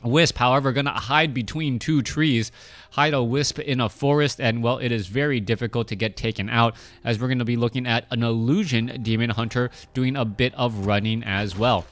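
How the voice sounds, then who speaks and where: This thirties-aged game caster, whose first language is Cantonese, calls a strategy match in a loose, chatty way, often using fillers and starting over. He speaks at normal speed with a medium-pitched voice and fairly level intonation.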